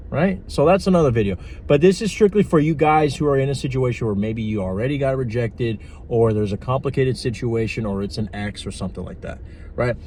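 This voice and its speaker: A man's voice: medium pitch, fairly quick, mellow, a little hiss or hum. A man giving blunt, profane dating and manifestation advice in a casual vlog. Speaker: manifestation coach.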